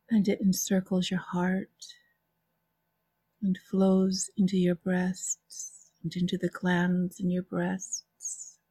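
Woman, guided meditation, soft and soothing, even-toned, very slow, long pauses, dry sound. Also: mid-range voice, slightly rough, no echo. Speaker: interview guest, author and hypnotherapy practitioner. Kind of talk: guided relaxation visualization.

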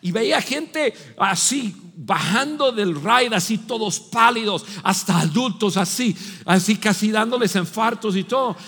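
A middle-aged man, a pastor preaching a sermon with animated storytelling, shouting and laughing as he acts out voices. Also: high voice, measured pace, slightly rough. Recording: long reverb of a large hall.

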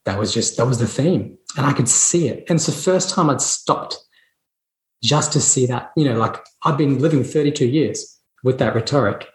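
A man's voice: mid-range voice, expressive, normal speed, echoey room, poor audio. A man in his thirties, a dentist telling his story as a podcast guest, earnest and reflective, with frequent restarts and laughs. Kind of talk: conversational storytelling.

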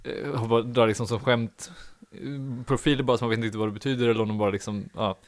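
A man's voice: mid-range voice, fairly even intonation. Young male podcast host, rambling anecdote, fillers galore, mid-range voice. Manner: rambling, filler-heavy, laughs at own story. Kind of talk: casual anecdote telling.

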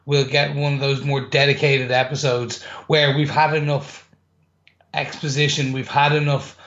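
A man's voice: mid-range voice, little pitch movement, moderate pace, fairly bright tone. A man co-hosting a casual chat, laying out his predictions step by step. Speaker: podcast co-host. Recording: slightly dull, muffled audio.

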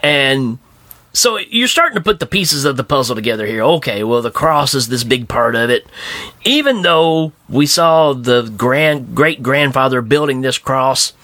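A man's voice: medium pitch, moderate pace, no room sound. A man co-hosting a podcast, chatting casually and jokily about a bad movie, acting out scenes as he goes. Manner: jokey, animated, acts out scenes. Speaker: podcast co-host.

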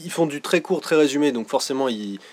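A man's voice: on the high side, expressive, fairly quick. A man in his twenties, a podcast guest, eagerly explaining a science topic in casual chat, with lots of fillers and hedges. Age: 20s. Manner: enthusiastic explainer, hedging with many fillers.

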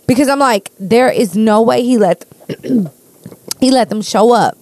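A woman co-hosting a casual chat, telling a story with emphatic, animated, profane delivery. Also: on the high side, slow, no echo.

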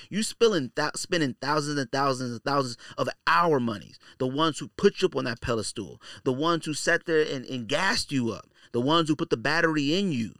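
Speaking as a podcast host, this man runs through a casual monologue full of opinions, blunt slang, and repeated phrases for emphasis. His voice sits a little high and a bit bright, captured as a dry recording with clean studio sound.

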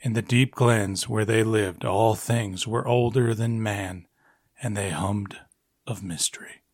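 A man reading as a solemn old-timey Western storyteller, low and hushed, slow and half-whispered. The voice sits close and dry, with no room sound at all. Each phrase is drawn out in a quiet, reverent hush. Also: steady tone, no echo.

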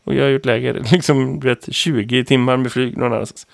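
A man in his thirties co-hosts a casual podcast. He tells a long, rambling anecdote with plenty of fillers and asides. His voice sits at an ordinary middle pitch and sounds close and dry, with no room echo. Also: gravelly. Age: 30s. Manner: lively rambling storyteller, many fillers. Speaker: podcast co-host and teacher.

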